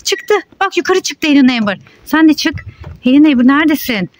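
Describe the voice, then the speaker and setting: High-voiced mother narrating toy play. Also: brisk. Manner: animated, urging, bossy calls to hurry. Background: music.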